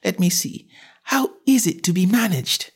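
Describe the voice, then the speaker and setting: A curious, fretful young girl from a storybook speaks, as a man puts her on in a raised, earnest and wondering voice. Her pitch swings up and down in lively leaps. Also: moderate pace, slightly rough, heavily acted. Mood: wistful.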